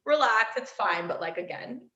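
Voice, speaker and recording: A young adult woman, a podcast guest, telling a story in lively, casual chat, acting out quotes and leaning heavily on "like.". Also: medium pitch, normal speed. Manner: animated, acts out quotes, many "like" fillers. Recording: roomy, dull-sounding.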